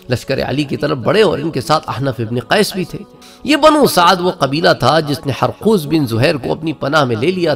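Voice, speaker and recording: A man's voice: fairly high pitch, vocal fry, a bit bright. A man giving an Islamic history lecture, telling the story with quoted speech and recited verses. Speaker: religious lecturer.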